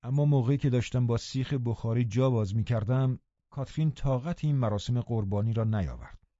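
A man narrating a novel in the first person with expressive storytelling. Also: medium pitch, dry recording, highs cut off. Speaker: audiobook narrator.

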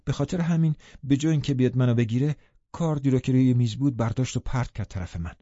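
A man narrating an audiobook in a steady, even storytelling manner. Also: medium pitch, no room sound, dull audio. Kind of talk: scripted narration.

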